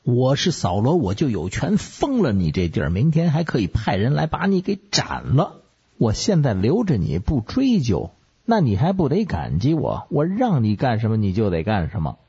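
A man's voice: medium pitch, wildly swooping pitch, normal speed, mellow, husky, full character voice. A male storyteller playing a proud but frightened ancient king who blusters and boasts. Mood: boastful. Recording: dull lo-fi recording.

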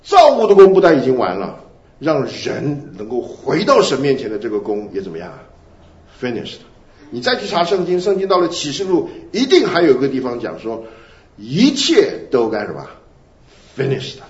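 A man preaching a sermon, animated, asking his listeners questions and answering them himself. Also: medium pitch, moderate pace. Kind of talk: sermon teaching. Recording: roomy, dull lo-fi recording.

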